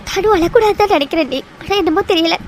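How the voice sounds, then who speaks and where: A woman's voice: very high-pitched, rapid-fire, a little hiss or hum. A woman voicing an anxious young cartoon heroine in love, who talks in an emotional, confiding and pleading way. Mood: tearful. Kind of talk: animated cartoon dialogue.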